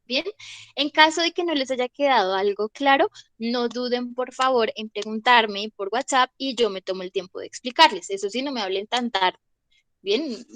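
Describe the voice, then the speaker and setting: A young woman teaching a grammar lesson, patient and methodical, checking in with her students after each point. Her voice sits a little high. The sound is dry, with no room echo. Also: normal speed, a bit bright. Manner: patient, checks in often with short questions. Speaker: English teacher. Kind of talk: explaining grammar to a class.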